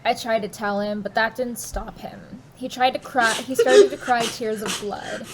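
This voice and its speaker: A woman's voice: on the high side, moderate pace, a loud crowd. A woman co-hosting a comedic dramatic reading, chatty and full of filler words. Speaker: co-host reading aloud.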